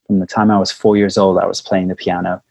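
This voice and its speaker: A South African man with a low, gravelly voice and a breathy, husky edge. He talks in an easygoing storytelling way, often chuckling as he goes. The sound is dry and close, as on a video call. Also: little pitch movement, quick pace, a little mellow, no room sound. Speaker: lead singer, interview guest. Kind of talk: relaxed conversational interview.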